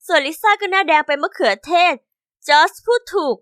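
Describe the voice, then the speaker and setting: A young woman narrating a first-person diary story in a chatty, expressive scripted style. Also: very high voice, a little fast, no room sound, studio quality.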